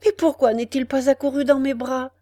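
Brief: desperate pleading old widow, high and loud, as a female reader puts her on; dry close sound. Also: level tone, normal speed, no echo, lightly acted. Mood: eager. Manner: pleading, exclaiming. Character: poor old widowed mother, anguished and pleading.

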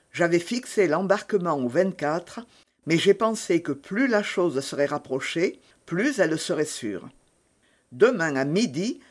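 A man's voice: high voice, full character voice. A man reading aloud, voicing a stern baron who coldly threatens a prisoner. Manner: measured, menacing.

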